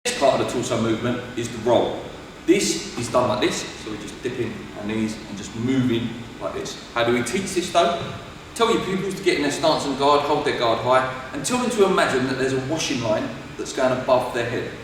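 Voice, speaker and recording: Boxing coach in an echoey hall. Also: male voice, medium pitch, animated, brisk, slight background noise. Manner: demonstrating moves while counting and explaining. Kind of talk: instructional coaching demo. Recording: roomy hall echo from far off.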